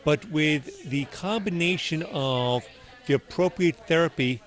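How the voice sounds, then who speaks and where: Higher-voiced middle-aged man, earnest doctor. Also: animated, unhurried. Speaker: cancer doctor, interviewee. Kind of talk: interview answers.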